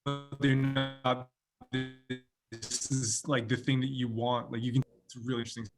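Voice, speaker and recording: A man's voice: mid-range voice, little pitch movement, moderate pace, soft background music. A man co-hosting over an online call, rambling and full of fillers, his voice glitching and turning robotic as the connection breaks up. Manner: rambling, full of "like" and "you know". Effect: glitching, robotic breaking-up call audio. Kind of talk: casual chat. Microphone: remote call connection.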